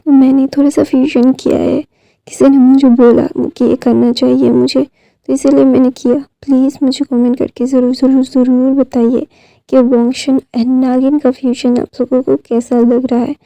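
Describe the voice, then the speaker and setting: A woman's voice: high-pitched, flat delivery, normal speed, vocal fry, dark tone, dry recording. A woman casually retelling her own fan fiction story in a chatty, repetitive way.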